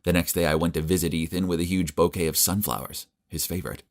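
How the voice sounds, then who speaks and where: A man's voice: deep voice, level tone, fast. A young man narrating a dramatic first-person story in a confiding tone.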